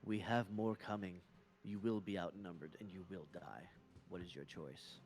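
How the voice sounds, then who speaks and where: A man playing a cool, threatening adventurer in a tabletop game, speaking in a measured, deliberate way. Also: low voice, steady tone, darkish tone, soft background music, pitched below the performer's own voice. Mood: cool threat. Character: cool, threatening male adventurer, offering bargains. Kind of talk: in-character tabletop role-play.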